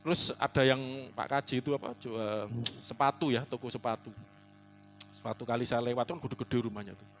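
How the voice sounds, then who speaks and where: A male pastor preaching a conversational sermon, telling stories and often calling his listeners "saudaraku", moving between loud emphasis and soft, hushed asides. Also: medium pitch, steady tone, a little fast, lo-fi sound, slight background noise. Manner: chatty, storytelling, often calls listeners "saudaraku". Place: church service.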